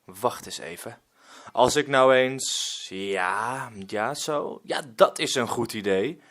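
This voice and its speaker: A man's voice: mid-range voice, slow, fairly bright tone. A man voicing a grumbling old male ex-pirate who barks orders. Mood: musing.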